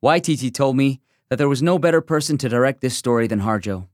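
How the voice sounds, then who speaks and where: A man from the United States giving a measured, reflective first-person reading of a magazine essay. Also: medium pitch, lively intonation, a little mellow, no room sound, clean studio sound. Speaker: essay reader. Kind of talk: scripted narration of a magazine essay.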